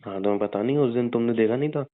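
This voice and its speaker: Bickering playfully with his girlfriend during a phone call, a young adult man speaks very fast at a medium pitch. The sound is thin and tinny, like a phone line.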